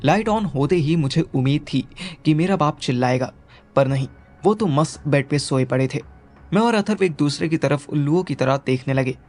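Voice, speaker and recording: A man's voice: on the high side, expressive, normal speed, darkish tone. Wry young male storyteller. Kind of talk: first-person audio story narration.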